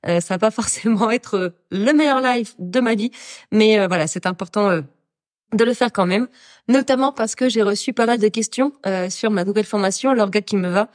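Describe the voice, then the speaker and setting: A woman's voice: mid-range voice, brisk. A woman with a nasal voice, stuffed up with a cold and sore throat, talking casually and hesitantly as she hosts a livestream for her followers. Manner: informal, hesitant, talking off the cuff. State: sick with a cold, congested nose, sore throat. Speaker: podcast host and productivity coach.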